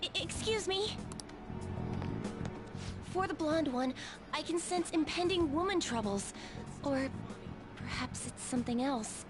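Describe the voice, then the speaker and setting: A woman playing a polite, solemn young fortune teller in a video game, formal, gentle and earnest. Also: high voice, lively intonation, a little slow, pauses often. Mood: earnest, ominous. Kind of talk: video game dialogue acting. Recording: background music under dialogue.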